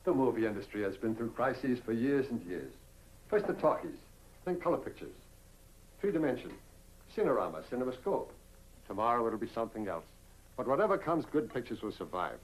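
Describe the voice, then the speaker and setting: An actor playing an optimistic film director in an old movie, expansive and effusive. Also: male voice, mid-range voice, very animated, brisk, lightly acted, low-quality recording. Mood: musing.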